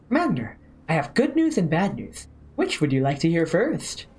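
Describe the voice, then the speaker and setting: A woman's voice: low voice, sing-song, normal speed, darkish tone. A woman voicing a teasing, possessive female companion in an anime game, with a coy manner. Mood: informative, playful.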